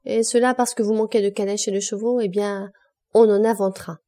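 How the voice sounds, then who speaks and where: A witty young viscount full of himself, voiced by a woman reading aloud, in a mellow, warm tone. He talks with playful enthusiasm in this storybook reading. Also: mid-range voice, steady tone, fairly quick, natural voice. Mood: enthusiastic. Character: young male French viscount, boastful and witty.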